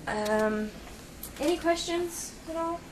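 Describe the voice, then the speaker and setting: A dental assistant talks through aftercare instructions step by step, conversationally, checking that she's understood. Her voice is very high-pitched, slow, with lively intonation. She's in an indoor clinic treatment room, recorded at a distance on a camera held by someone else, so the room sounds noisy.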